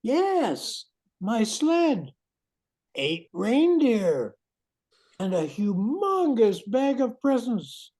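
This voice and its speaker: A woman's voice: a little high, sing-song, extremely slow, dark tone, breathy edge, full character voice. A woman playing a jolly, commanding Santa Claus in an amateur radio play.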